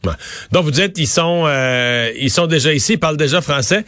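A man's voice: on the high side, fairly bright tone, dry recording. A man with a Quebec French accent interviewing in an unscripted way, hesitating and repeating words as he forms his questions. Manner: hesitant, halting, often repeats words while forming questions. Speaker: radio interviewer.

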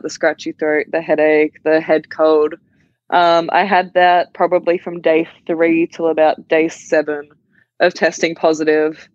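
A woman's voice: lowish voice, dry recording, dull audio. A young woman, a college athlete, talking easily as a podcast guest with lots of ums. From Australia. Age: young adult. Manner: easygoing, many ums and likes. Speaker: guest, college basketball player. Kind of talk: casual interview chat.

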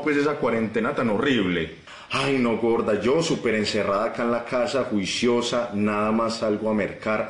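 A man's voice: on the low side, roomy sound, natural voice. A man putting on a gossipy woman. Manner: gushing, gossipy, giggly. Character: chatty gossiping young Colombian woman friends.

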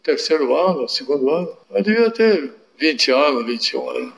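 An older man with a Brazilian accent, an interview guest telling anecdotes in an animated way, often adding tag questions. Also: fairly high pitch, normal speed, creaky, echoey room. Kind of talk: storytelling in an interview.

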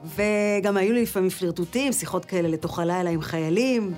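A woman's voice: fairly low pitch, a little mellow, soft background music. A woman comedian telling wry army stories, with squealing impressions of crying recruits. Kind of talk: comic storytelling.

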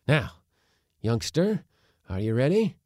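A man voicing an excitable, secretive old uncle who gives urgent hissed whispers and sharp commands. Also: mid-range voice, takes it slowly, no echo, clean studio sound, pitched above the performer's own voice. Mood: urgent, commanding.

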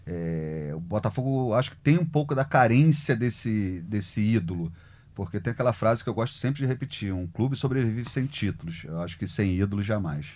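A man talks football in a lively, emphatic, slangy way. His voice sits a bit low. He sounds like a sports journalist sharing opinions in a casual discussion. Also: moderate pace. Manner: animated, emphatic, colloquial.

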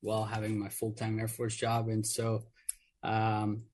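A man's voice: on the low side, completely flat delivery, unhurried, a little mellow, a little hiss or hum. A man born in Mexico, a radio guest and Air Force veteran, talking earnestly with many fillers. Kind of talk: casual radio interview.

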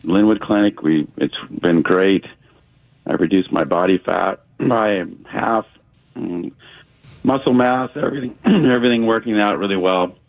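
A deep-voiced man in his sixties calls in over a thin, tinny phone line. He talks haltingly, stopping to restart words and clear his throat, and the sound is dry and close. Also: dry recording. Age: 60s. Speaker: caller. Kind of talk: call-in question. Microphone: telephone.

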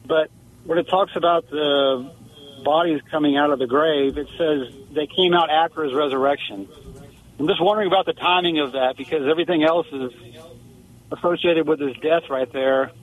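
A man's voice: fairly high pitch, moderate pace. A man calling in to a radio show over the phone, asking his question earnestly and searching for words. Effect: heard over the phone. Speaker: caller. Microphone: telephone. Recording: tinny phone line.

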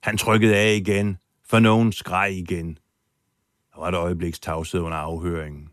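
A podcast host who is also a foreign correspondent tells a true story in scripted documentary narration, dramatically acting out the quoted lines. His voice is low and fairly flat in pitch, recorded at studio quality with no echo.

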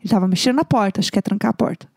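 A woman co-hosting a casual chat at home, expressive and teasing, with frequent exclamations. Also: medium pitch, racing, vocal fry, no echo, clean studio sound. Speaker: co-host.

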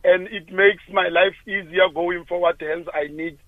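A man with a South African accent calling a radio show by phone, speaking politely and haltingly and repeating words as he searches for phrasing. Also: high-pitched, steady tone, no echo. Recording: muffled, narrow phone line.

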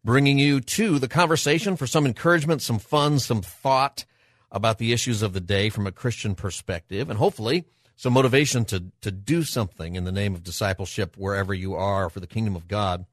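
A man's voice: fairly low pitch, brisk, dry recording, studio quality. A middle-aged man hosting a live radio talk show in a conversational way, with a showman-like announcer manner.

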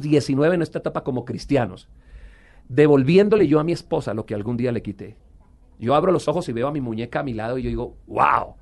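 A man's voice: mid-range voice, a little mellow. A middle-aged man giving an earnest personal testimony as an interview guest, sometimes slipping into a preacher's manner.

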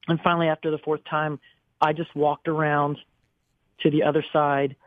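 A guest singer in his forties tells personal stories on a radio interview, earnest and emotional, restarting often. His voice is fairly high, and the line sounds dry and phone-like with no echo.

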